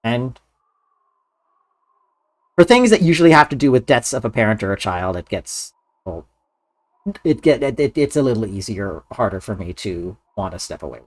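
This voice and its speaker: A man giving casual video game commentary as a Let's Player, earnest and somewhat halting. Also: lowish voice, sing-song.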